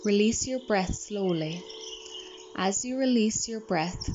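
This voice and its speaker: A woman reading a guided relaxation script in a soft, soothing manner. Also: mid-range voice, slow, background noise. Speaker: meditation guide. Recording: slightly dull recording. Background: calm music and birdsong.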